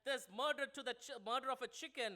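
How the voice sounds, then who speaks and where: A man with a Malayalam accent interpreting a sermon into English. He pauses a lot, says "uh" often and keeps adding "over there". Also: very high voice, fairly even intonation, bright, forceful tone.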